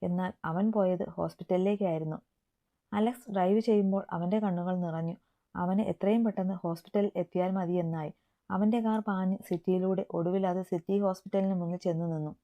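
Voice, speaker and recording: A woman narrating a romantic family story in a steady, unhurried reading voice. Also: fairly low pitch. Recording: tinny phone-like sound.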